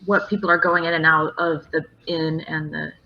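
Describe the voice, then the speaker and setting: A woman's voice: low voice, level tone, normal speed, gravelly. A woman playing in a tabletop game, stating her actions plainly. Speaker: player. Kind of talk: casual game chat. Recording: dull lo-fi mic.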